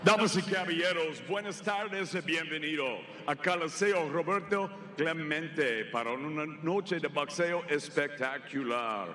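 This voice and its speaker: A man's voice: on the high side, normal speed, few pauses, pushed and bright. A man working as a ring announcer in a theatrical lucha libre manner, formally drawing out names over an arena PA. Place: large indoor arena. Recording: echoey arena PA with long reverb. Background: hall reverb.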